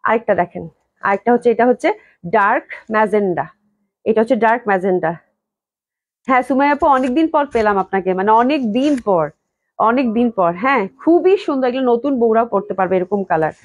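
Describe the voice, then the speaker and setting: A young woman, hoarse from a cold, gushing with repeated praise as she sells clothes on a live stream. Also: a little high, animated, fast, dry recording. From Bangladesh. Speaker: online clothing seller.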